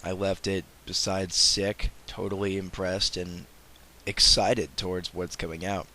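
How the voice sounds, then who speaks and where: A man with a cold, hosting a gaming show and rambling casually in voice-over, often repeating words and clearing his throat. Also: sits low, level tone, moderate pace, sharp tone. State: sick, congested. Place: off camera, voice-over.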